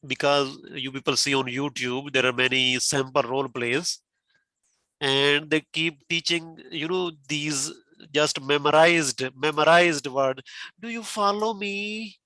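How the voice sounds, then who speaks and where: Guy tutor giving feedback, bright forceful voice a bit on the high side, keeps checking you follow. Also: fairly even intonation, measured pace, no echo, low-quality recording. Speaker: speaking-exam tutor. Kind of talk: instructive feedback.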